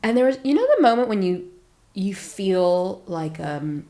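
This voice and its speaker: A woman's voice: mid-range voice, a little slow. An American woman in her thirties from Silicon Valley, a startup founder chatting as a guest, telling stories animatedly and acting out her own reactions. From Silicon Valley, California, USA. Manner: animated storyteller, acts out her own reactions, many fillers. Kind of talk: casual interview chat.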